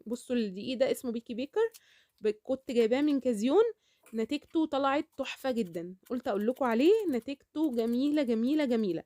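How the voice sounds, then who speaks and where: A woman's voice: a little high, expressive, quick pace, dark tone, no room sound. A woman with an Egyptian Arabic accent chatting casually in a cooking vlog, talkative and repeating herself, often checking in with "okay?". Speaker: cooking vlogger.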